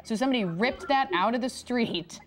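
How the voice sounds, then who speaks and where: A woman's voice: fairly high pitch, animated, fairly quick, a little hiss or hum. A woman news anchor giving live commentary and directing viewers to the footage.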